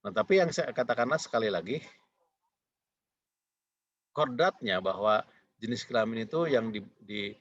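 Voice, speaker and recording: Husky-voiced man lecturing, dull recording. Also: medium pitch, lively intonation, normal speed, pauses often. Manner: rambling, repetitive, with many fillers.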